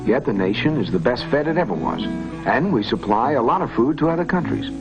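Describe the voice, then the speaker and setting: An actor playing an earnest modern professor, explaining and questioning in a scripted educational drama. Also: male voice, mid-range voice, animated, a little fast, dull audio, over music, lightly acted. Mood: earnest, explanatory.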